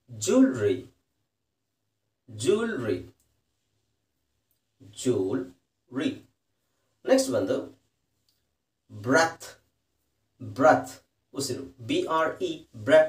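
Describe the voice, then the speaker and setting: A man teaching English pronunciation, spelling each word letter by letter and explaining in a calm, patient way. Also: on the high side. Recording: roomy echo, distant from the mic.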